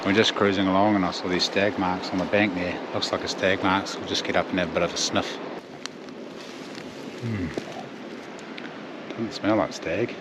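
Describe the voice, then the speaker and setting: Low-voiced man with a broad Kiwi accent. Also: fairly even intonation, moderate pace, long pauses, heavy background noise. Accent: broad New Zealand. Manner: laconic, slangy, swears easily. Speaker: outdoor hunting vlogger. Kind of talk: casual vlog chat. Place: outdoors in bush and by a river.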